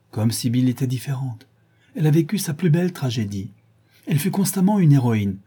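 A man's voice: mid-range voice, warm tone, slightly rough. A man voicing a detached young male aesthete in an audiobook, speaking in a lofty, languid, self-assured way. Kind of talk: audiobook character reading.

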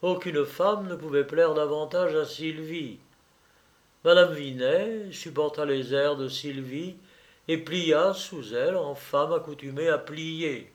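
A man narrating a classic novel as an audiobook, slow and measured. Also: a little high.

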